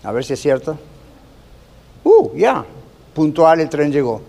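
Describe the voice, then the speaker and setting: High-voiced pastor preaching in a reverberant hall. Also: male voice, very animated, slow, creaky, warm tone. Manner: storytelling, mixes in English phrases. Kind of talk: sermon.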